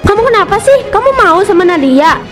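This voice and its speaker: A woman's voice: very high voice, big pitch swings, brisk, music in the background. A woman voicing Anissa, a jealous, indignant schoolgirl in a cartoon parody soap. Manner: accusing, indignant.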